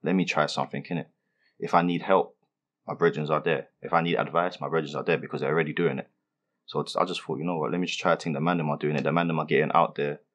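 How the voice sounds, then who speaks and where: A man's voice: rumbling low, fairly even intonation, quick pace, muffled recording. A young man from London with a London accent, answering interview questions in laid-back street slang with lots of fillers. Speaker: rapper being interviewed.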